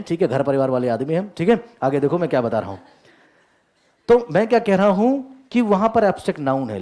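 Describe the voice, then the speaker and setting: Energetic male grammar teacher lecturing a class. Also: a little high. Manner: energetic, keeps asking "yes or no?" to check understanding; joking asides to the class.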